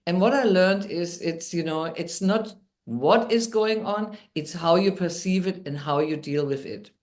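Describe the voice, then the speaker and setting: A woman's voice: lowish voice, a little slow, a little mellow. A woman with a German accent, a guest on a podcast, telling her story in an upbeat way. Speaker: guest, midwife and NLP trainer. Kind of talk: podcast interview.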